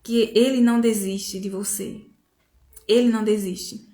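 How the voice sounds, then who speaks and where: A woman voicing God as a gentle, reassuring male voice that speaks softly and slowly. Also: medium pitch, steady tone, lightly acted. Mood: tender. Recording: roomy echo.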